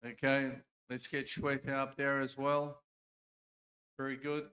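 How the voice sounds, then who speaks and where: A man's voice: medium pitch, completely flat delivery, a little slow, bright, forceful tone. A man hosting a conference, announcing panels in a loose, off-the-cuff way with frequent fillers. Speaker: event host. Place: conference hall stage.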